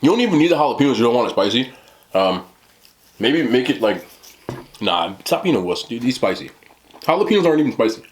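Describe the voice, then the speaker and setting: A man's voice: mid-range voice, sing-song, fast, pauses often. A man in his thirties in casual, rambling mukbang chat, joking in slang and talking between bites as he eats. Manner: talks between bites while eating. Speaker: mukbang host. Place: small indoor room, seated at a table.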